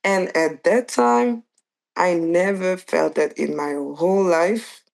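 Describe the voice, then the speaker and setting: Young woman talking loosely, lowish voice. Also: slow pace, gravelly. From Belgium. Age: young adult. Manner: loose and searching, full of restarts and "like". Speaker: guest dancer and choreographer. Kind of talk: casual interview chat.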